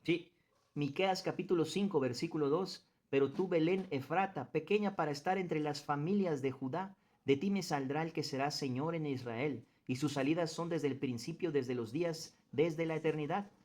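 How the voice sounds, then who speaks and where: A man's voice: on the high side, normal speed, darkish tone. A man with a somewhat raised voice leads a group Bible study. He talks in an earnest teaching manner, reads passages aloud, and puts questions to the group. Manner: earnest teacher who quizzes the group and stresses points.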